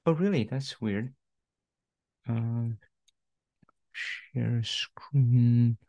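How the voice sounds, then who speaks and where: A man's voice: mid-range voice, very slow, warm tone, dry recording, dull audio. A man coaching a student on job searching over a video call, casual and full of fillers, often asking "right?". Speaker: career coach. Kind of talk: online coaching session.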